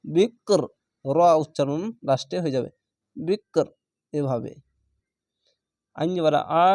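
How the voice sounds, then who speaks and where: A man teaching Quran reading, spelling out each syllable and then stretching the whole word slowly. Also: fairly high pitch, a little mellow, no room sound, studio quality. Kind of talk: step-by-step spelling lesson.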